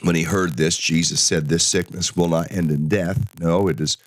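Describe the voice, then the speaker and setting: A man with a congested, stuffy-nosed voice giving informal Bible teaching in a halting, hesitant manner. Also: deep voice, fairly even intonation, no room sound, studio quality.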